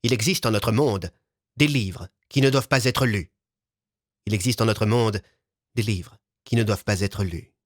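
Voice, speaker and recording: A man voicing a nasal, self-assured intellectual gentleman in an assertive, haughty tone. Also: fairly low pitch, moderate pace, pauses often, dry recording, studio quality, voice pushed down, close to an everyday voice.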